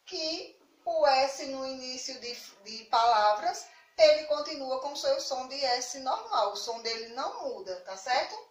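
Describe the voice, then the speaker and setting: A woman teacher with a Brazilian Portuguese accent, explaining a spelling lesson to young children slowly and patiently, often checking if they follow. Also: sits high, far from the mic. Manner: slow, patient explaining with frequent "tá certo?" checks. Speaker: primary school teacher. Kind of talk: remote class lesson. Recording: roomy, from off the mic.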